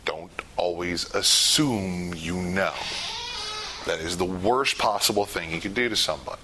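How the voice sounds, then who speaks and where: A man teaching a casual spoken class, chatty and quick to laugh, acting out little scenes as he explains. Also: low-pitched, background noise. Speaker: class instructor.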